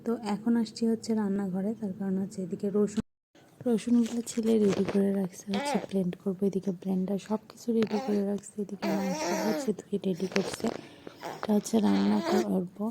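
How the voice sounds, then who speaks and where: A young woman narrating her home vlog in a soft, hushed voice-over. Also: medium pitch, steady tone, brisk, gravelly, background noise. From Bangladesh. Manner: soft, hushed talk so a sleeping child stays asleep. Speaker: vlogger.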